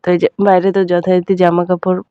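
A woman's voice: fairly low pitch, monotone, quick pace, smooth, no room sound, lo-fi sound. A young woman casually narrating her day in a home vlog voice-over, chatting to viewers as friends and often adding "all right". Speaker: daily-life vlogger. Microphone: voice-over recorded separately.

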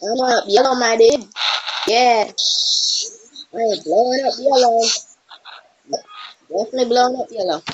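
A woman's voice: a little high, normal speed, long pauses, a little mellow, dull audio, slight background noise. A woman hosting a casual gameplay recording, teasing and trash-talking her friend as she plays. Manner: playful teasing trash talk. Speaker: gameplay channel host.

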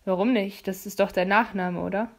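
A condescending teenage boy demon hunter, put on by a woman narrator in a storybook reading. He sounds lower and punchier than her normal voice, smug and curt. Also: steady tone, brisk, close to an everyday voice.

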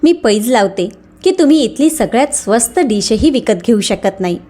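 A woman's voice: fairly high pitch, animated, normal speed. A woman voicing an arrogant, scornful young daughter-in-law in a narrated story. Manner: scornful, shouting.

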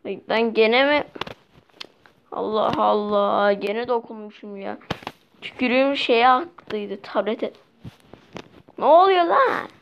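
Speaking slowly in a creaky, mid-range voice, a young woman comments on her mobile game for viewers. Her tone is talkative and readily exasperated. Faint noise sits under the muffled, low-fidelity audio.

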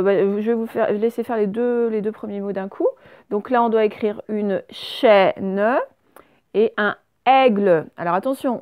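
Spelling each word out letter by letter, a primary school teacher leads a patient remote lesson for young pupils. Her mid-range voice has a clean tone; the sound is lo-fi with no room sound.

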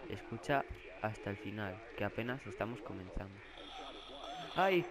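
A man's voice: on the low side, a little fast, a loud crowd. A young man from Spain with a Spanish accent, narrating a horror game and getting jumpy, swearing and crying out in fright. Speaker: gaming YouTuber. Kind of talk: horror game let's play commentary. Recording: faint background noise.

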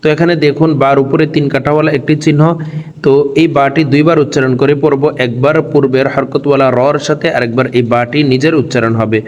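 A man teaching a recitation lesson, explaining pronunciation slowly word by word and drawing out chanted verses. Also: medium pitch, steady tone, a little mellow, in a large hall. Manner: slow, drawn-out chanting of verses between spoken explanations.

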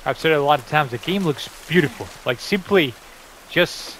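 A man's voice: on the high side, animated, normal speed, fairly bright tone. Upbeat male gaming host, rambling asides while he plays, faint game noise under him. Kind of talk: casual gameplay commentary.

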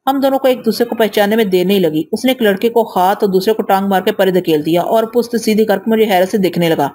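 A woman reading an audio novel aloud in first person, steady and measured. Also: medium pitch.

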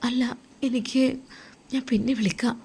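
A woman voicing a grieving young wife who speaks softly and tearfully in a told story. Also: a little high, steady tone, normal speed, slightly rough, pitched above the performer's own voice. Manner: soft, tearful, hushed. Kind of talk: storytelling role-play.

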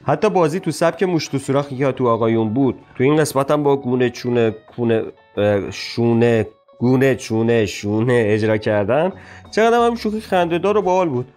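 A man's voice: mid-range voice, expressive, darkish tone, faint music behind. A man giving a casual, opinionated spoken review as the channel's host. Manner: opinionated, chatty critique. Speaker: show reviewer.

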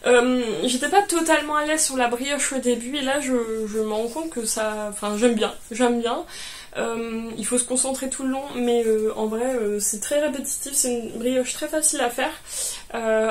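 A young woman chatting about her knitting projects, hesitant and full of fillers, cheerful and laughing often. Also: fairly high pitch. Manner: hesitant, many fillers and restarts. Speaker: knitting vlogger. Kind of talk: casual show-and-tell chat.

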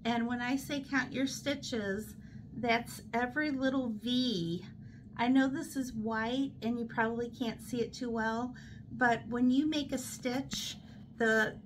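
Slow-talking woman vlogging from a hospital bed. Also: on the high side, slight background noise, poor audio. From United States. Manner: chatty, unhurried, laughs at herself. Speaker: crochet vlogger. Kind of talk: casual show-and-tell chat. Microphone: fixed camera in front.

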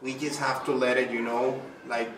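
In this casual interview, a child questions a middle-aged artist from Venezuela, who chats effusively and fills his answers with fillers. He speaks at normal speed with a medium, level voice over crowd noise. It was recorded in a small, echoey indoor room on a distant mic, and the sound is noisy.

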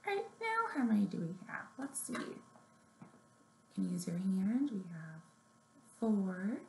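A woman in her thirties leads a children's story time, offering little kids simple, encouraging instructions in a mid-range, creaky, darkish voice whose pitch swoops wildly at a slightly slow pace. She's recorded on a webcam or laptop at arm's length, with roomy echo and noticeable background noise.

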